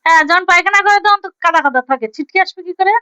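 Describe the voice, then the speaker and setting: A woman's voice: extremely high pitch, rapid-fire, sharp tone, dry recording. A woman chatting casually with her husband, teasing and playfully scolding him. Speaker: vlogger.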